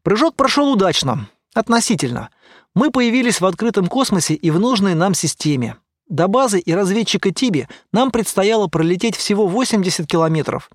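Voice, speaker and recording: A man's voice: fairly quick, no echo, clean studio sound. A man reading a science fiction audiobook, narrating and voicing the characters' lines. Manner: raises pitch for excited quoted lines. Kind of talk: scripted audiobook narration with dialogue.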